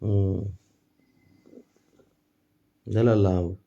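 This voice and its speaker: A man's voice: sits low, fairly even intonation, extremely slow, vocal fry, dark tone, highs cut off. A man chatting fondly and teasingly to his pet cats in a casual home video. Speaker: cat owner vlogger. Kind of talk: casual talk to pets.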